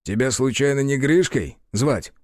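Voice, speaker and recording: Brief: man reading a rough-talking mocking guardian, dry close sound. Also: mid-range voice, lively intonation, unhurried, no room sound, lightly acted. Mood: gruff. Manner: coarse, bossy, sarcastic. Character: crude sardonic male guardian, bossy and mocking.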